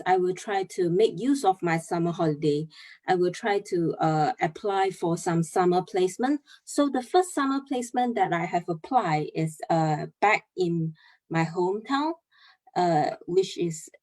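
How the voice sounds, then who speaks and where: This young woman from Malaysia has a mid-range, warm voice. She's a chemical engineer presenting over a video call, earnestly explaining each step while pausing often and using lots of fillers.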